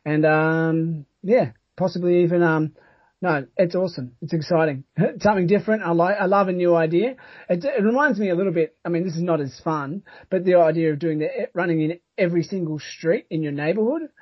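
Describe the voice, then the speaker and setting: An Australian man hosting a podcast in casual chat, talking in a halting, rambling but enthusiastic way. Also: on the high side, husky, dry recording. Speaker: podcast host. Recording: dull, lo-fi sound.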